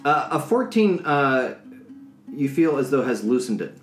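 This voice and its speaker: A man's voice: medium pitch, very animated, measured pace. A man narrating a tabletop game as game master, describing scenes and calling for checks. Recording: roomy recording with soft guitar music.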